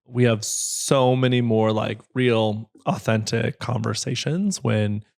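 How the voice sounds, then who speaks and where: A middle-aged man hosts a podcast interview, speaking in an easygoing and encouraging way. His voice sits at an ordinary pitch and sounds dry and close, with no room echo. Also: takes it slowly, creaky. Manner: warm, encouraging, laughs easily. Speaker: podcast host.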